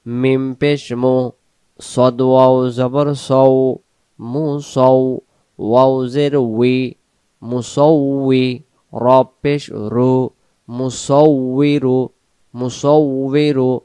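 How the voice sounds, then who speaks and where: A man teaching Quran recitation, chanting verses slowly and drawing them out, then explaining pronunciation more quickly. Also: medium pitch, fairly even intonation, warm tone, smooth, dry recording.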